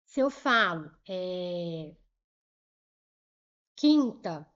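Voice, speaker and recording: A woman teaching Portuguese grammar with a Brazilian accent, spelling out letter pairs and repeating words slowly to show how they sound, checking in with short questions. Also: on the high side, lively intonation, highs cut off. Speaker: Portuguese teacher for civil service exams. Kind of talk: explaining grammar at a whiteboard.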